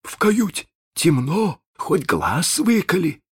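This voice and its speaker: A man voicing a frightened pirate sailor who talks slowly and hollowly. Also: mid-range voice, very animated, darkish tone, dry recording, studio quality, pitched above the performer's own voice, full character voice. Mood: dread. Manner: slow, hollow, dread-filled.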